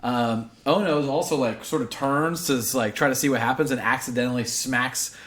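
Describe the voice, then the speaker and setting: A man's voice: mid-range voice, moderate pace, a bit bright. A man running a tabletop game as game master, narrating the action loosely and jokingly with lots of fillers.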